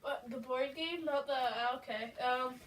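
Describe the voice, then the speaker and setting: A woman co-hosting a casual storytelling game, tossing in quick jokes and giggles. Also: sits high, far from the mic, a little hiss or hum. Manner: joking, quick asides, giggly. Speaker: co-host.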